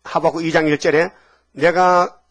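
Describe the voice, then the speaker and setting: A man preaching a sermon, emphatic, firing rhetorical questions at the congregation and swinging between loud and low. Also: moderate pace. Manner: emphatic, asks the congregation to repeat after him. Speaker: pastor.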